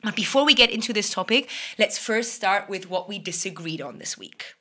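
A woman with a bright, crisp-edged voice at an average pitch co-hosts a podcast. She speaks conversationally, explaining her view and qualifying it as she goes. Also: expressive, moderate pace. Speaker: podcast co-host.

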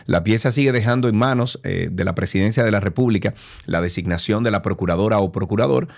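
A man hosting a radio show, reading news and taking calls with small stumbles. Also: lowish voice. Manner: reads news with hesitations, chats warmly with callers. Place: radio studio.

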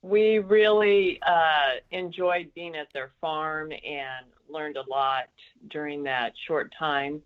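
A woman's voice: deep voice, steady tone, slow pace, smooth. A woman, a racehorse owner and breeder, giving brief, modest answers as an interview guest on speakerphone. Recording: muffled phone line.

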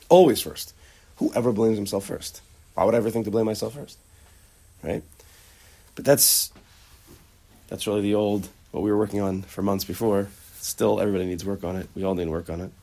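Guy with a husky lowish voice giving a chatty torah class, acts out little dialogues. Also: normal speed, warm tone. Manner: conversational, acts out dialogue, many restarts. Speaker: Torah teacher. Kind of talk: casual lecture on character traits.

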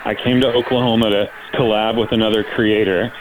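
A man's voice: on the low side, level tone, brisk. A man calling a talk show from a jail payphone, pleading urgently with the hosts. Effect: collect call over a jail payphone line. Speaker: caller. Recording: noisy phone line.

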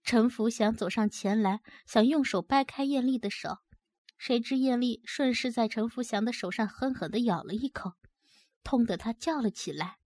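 Fairly high-voiced woman reading a story. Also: a little mellow, no echo. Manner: measured narration with voiced dialogue.

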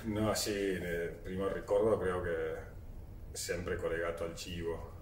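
A man in his forties with an Argentine Spanish accent speaks in a low, unhurried voice as an interview guest. He gropes for words and slips between languages as a native Spanish speaker. The sound is echoey and distant from the microphone. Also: little pitch movement. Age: 40s. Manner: halting, searching for words, switching between languages. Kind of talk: casual interview talk in mixed languages. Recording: roomy echo, distant mic, faint noise.

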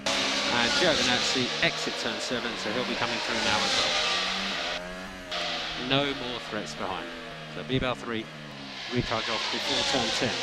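A male race engineer on team radio, with clear music behind him. He gives terse pit calls in short, clipped instructions, often repeating them for the driver. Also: mid-range voice, poor audio.

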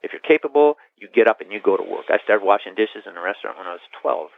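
A middle-aged priest recounts his story in a low, gravelly voice that rises and falls widely. He rambles, restarts his sentences and chuckles as he goes. The sound is thin and tinny, like a dry phone line. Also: quick pace, dry recording. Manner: rambling, animated, with restarts and laughs. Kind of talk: interview storytelling.

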